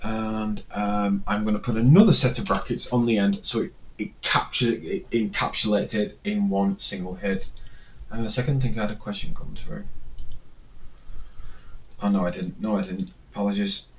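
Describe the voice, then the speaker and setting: A man's voice: lowish voice, fairly even intonation, moderate pace, muffled recording, slight background noise. A man teaching an engineering calculation in a spreadsheet, thinking aloud and correcting himself as he goes. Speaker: engineering lecturer. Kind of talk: screen-recorded spreadsheet tutorial.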